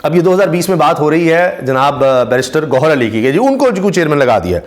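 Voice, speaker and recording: A man, giving casual spoken commentary on news clips, talking at length with many drawn-out pauses and fillers. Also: on the high side, very animated, background noise. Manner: talkative, frequent "aa" fillers and pauses. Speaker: YouTube commentator.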